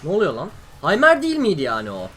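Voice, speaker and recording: A young man from Turkey giving excitable live commentary over his own gameplay, exclaiming and grumbling as things go wrong. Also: sits high, fast. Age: young adult. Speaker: gaming YouTuber.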